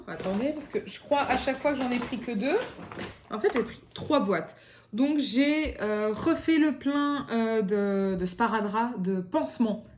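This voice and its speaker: A woman's voice: mid-range voice, noisy background. A young woman with a Belgian French accent, chatting casually through a shopping haul at home, hesitant and full of fillers. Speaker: vlogger. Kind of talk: casual grocery haul chat. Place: home, near the kitchen.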